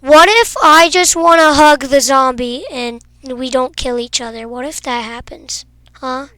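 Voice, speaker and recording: A young woman with a high, bright voice gives goofy, teasing commentary while she plays a game. She jokes with her teammates and now and then bursts into excited shouts. The sound is close and dry, with no room around it. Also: measured pace, dry recording. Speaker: gaming video creator. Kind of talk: playful gameplay commentary.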